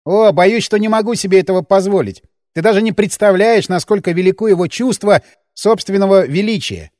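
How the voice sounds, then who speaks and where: A man's voice: sits high, fairly quick, darkish tone, no room sound, voice pushed up, natural voice. Give me a man doing a sardonic, scarred gunman who drawls his taunts, close and dry. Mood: mocking. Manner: drawling, mocking. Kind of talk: audiobook character voice.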